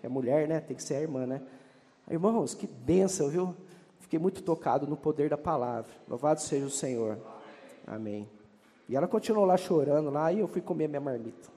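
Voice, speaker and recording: A man's voice: on the high side, animated, a little fast, warm tone, long reverb tail. A Brazilian man preaching a fervent sermon, reading scripture aloud and calling out to the congregation. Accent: Brazilian Portuguese.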